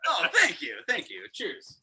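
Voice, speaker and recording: A man's voice: sits high, wildly swooping pitch, measured pace, bright, forceful tone, breathy edge, poor audio. A man chatting casually as a brewery guest on a festival stream, rambling with lots of "like" fillers. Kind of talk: casual chat.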